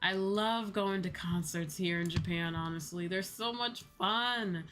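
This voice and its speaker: A little hiss or hum accompanies a woman whose voice is on the low side and fairly bright, paced in a measured way. She's a VTuber rambling conversationally with her livestream audience, swearing casually, with background music playing.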